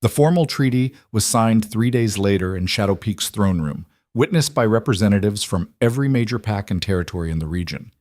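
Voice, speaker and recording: A man narrating a romance story in a steady, scripted audiobook reading. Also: fairly low pitch, a little fast, few pauses, dry recording, studio quality.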